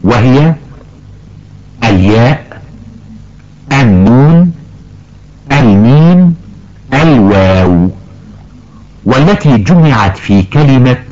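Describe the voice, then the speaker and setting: A man's voice: medium pitch, mellow, a little hiss or hum. A man playing a patient old grandfather teacher. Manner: slow, careful explaining, stretches out example words. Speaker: tajweed teacher. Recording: dull lo-fi recording.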